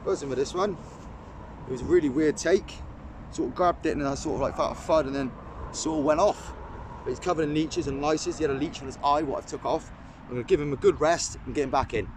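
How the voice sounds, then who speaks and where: A young man vlogging his fishing trip outdoors beside a ditch, talking excitedly and rambling to a camera set on the bank. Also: fairly high pitch, fast, a little hiss or hum. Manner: excitable, rambling, lots of fillers. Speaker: angling vlogger. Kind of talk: casual chat to camera.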